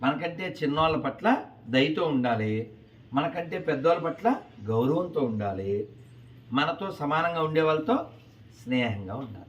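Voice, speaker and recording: A man telling a lively moral story to schoolchildren in an animated, coaxing way, quizzing them as he goes. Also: a little high, moderate pace, pauses often. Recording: distant, dull with faint noise.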